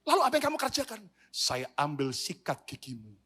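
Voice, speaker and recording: Male pastor putting on a sneaky calm wife, sly and deadpan, bright voice. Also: a little high, brisk, husky, exaggerated voice. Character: sly smiling wife with a secret revenge.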